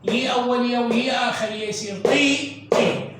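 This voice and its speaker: A man with an Iraqi accent teaching a children's reading lesson, drawing out syllables and repeating sounds slowly for learners. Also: extremely high pitch, steady tone, fairly bright tone, recorded from a distance, a little hiss or hum. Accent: Iraqi Arabic. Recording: echoey room, voice from off mic.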